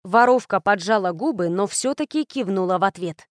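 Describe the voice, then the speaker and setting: A woman narrating a first-person fantasy audiobook in a steady storytelling manner. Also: medium pitch, a little fast, no room sound, studio quality.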